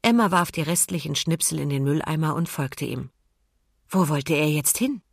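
A woman narrates a children's story aloud, calm and expressive. Her voice is low with a husky edge. The recording is dry and close. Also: normal speed, no room sound. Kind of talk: children's audiobook reading.

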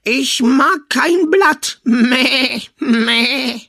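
Give me a slow, high, bleating goat. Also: male voice, sharp tone, dry recording, studio quality, heavily acted. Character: hungry bleating she-goat, plaintive and sly.

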